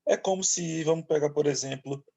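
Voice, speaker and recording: Man from Brazil, English teacher, online class, slow explaining, frequent check-ins, husky, slightly high voice. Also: a little mellow. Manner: explains slowly, keeps checking in with "tá bom?" and "ok?".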